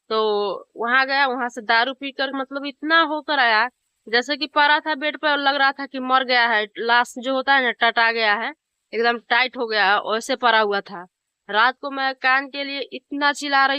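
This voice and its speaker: A woman's voice: a little high, clear, resonant tone, no room sound, dull audio. A woman vlogger venting to camera in an angry, bitter way, trading insults and pleas.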